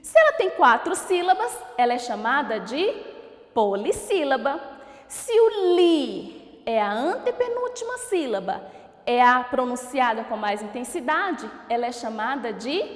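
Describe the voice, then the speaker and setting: Speaking slowly in a high, lively voice, a Brazilian woman teacher stretches her words syllable by syllable and asks her pupils questions. Her accent is Brazilian Portuguese, and the recorded school lesson for children takes place in an echoey room with long reverb.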